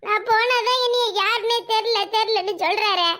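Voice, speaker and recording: A woman voicing a squeaky little schoolboy. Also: fairly even intonation, moderate pace, bright, forceful tone. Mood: worried. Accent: southern Tamil, Tirunelveli. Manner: pleading, whimpering questions. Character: small schoolboy, anxious and tearful. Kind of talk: cartoon voice acting.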